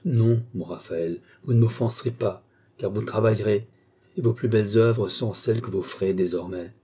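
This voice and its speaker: A man's voice: fairly low pitch, moderate pace, breathy edge. A man doing a shy, tender young woman. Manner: soft, hushed. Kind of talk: audiobook character voice.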